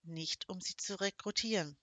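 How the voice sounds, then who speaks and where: A woman's voice: lowish voice, normal speed, bright, forceful tone, dry recording. A woman voicing a smug, menacing middle-aged nobleman with a silky, mocking, condescending manner. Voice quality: croaking when pained.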